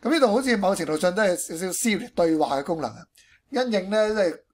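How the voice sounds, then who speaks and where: A man with a Hong Kong accent and a high-pitched voice explains things step by step in an informal tutorial style. He peppers his speech with English technical terms. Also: expressive, quick pace. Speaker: programming tutorial presenter.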